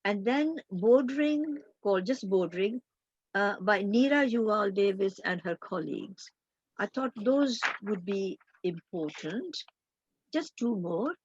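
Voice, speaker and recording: An older woman, a guest academic in a roundtable discussion, speaking in a measured, thoughtful way with frequent pauses. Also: medium pitch, lively intonation, breathy edge, dry recording, dull audio.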